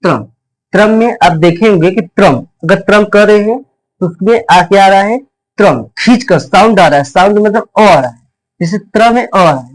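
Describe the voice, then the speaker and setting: A man's voice: high voice, no room sound, poor audio. A man teaching a spelling lesson in a repetitive way, asking and then answering his own questions.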